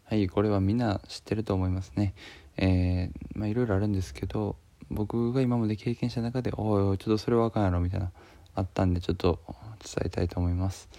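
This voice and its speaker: A man's voice: on the low side, steady tone, quick pace, warm tone, no room sound. A man with a Kansai accent chatting casually to camera, joking and using many fillers. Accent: Kansai Japanese. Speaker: video creator. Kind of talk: casual talking-to-camera vlog.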